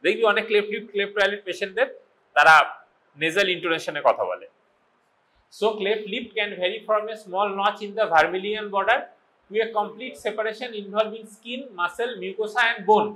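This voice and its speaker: A man's voice: high voice, measured pace, pushed and bright, poor audio. A man with a Bengali accent giving a medical college lecture, switching between English and Bengali and quizzing his students informally. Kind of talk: classroom lecture.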